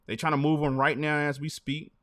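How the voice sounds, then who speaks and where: A man hosting a casual show, talking in relaxed slang and laughing often. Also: on the high side, a little fast, no echo, studio quality. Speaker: host. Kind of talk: casual sneaker-news chat.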